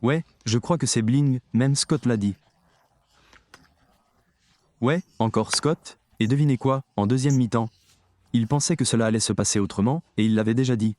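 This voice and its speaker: A man delivers a sermon with emphasis, addressing the listeners head-on. His voice is dark and mellow, recorded dry and close with no room sound. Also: medium pitch, normal speed, pauses often, dry recording. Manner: emphatic, addresses the audience directly. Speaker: preacher.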